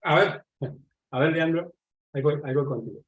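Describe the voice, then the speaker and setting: A man's voice: a little high, fairly quick, highs cut off. A man with an Argentine accent gives a conversational online lecture, explaining points and checking in with his audience again and again. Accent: Argentine Spanish. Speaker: lecturer on nonverbal communication. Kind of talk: live online class lecture.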